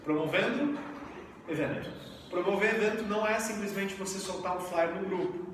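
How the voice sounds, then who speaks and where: A man in his thirties from Brazil, giving a lively live training talk and asking the audience questions. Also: high voice, moderate pace. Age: 30s. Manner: energetic, asks the audience questions. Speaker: network marketing trainer. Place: event room with audience. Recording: echoey hall, mic far off, faint hiss.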